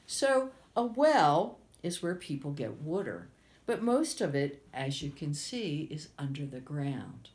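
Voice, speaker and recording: A middle-aged woman librarian reading a fairy tale for children. Her low voice moves slowly and swings widely in pitch. She explains gently and drops into hushed, dramatic whispers. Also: very animated. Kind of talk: children's storytime.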